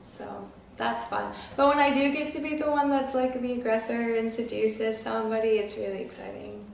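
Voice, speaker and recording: A woman's voice: on the high side, steady tone, normal speed, gravelly, recorded from a distance, slight background noise. A nineteen-year-old woman answering interview questions casually, giggling and using lots of "like" fillers. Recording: very echoey room, voice off-mic.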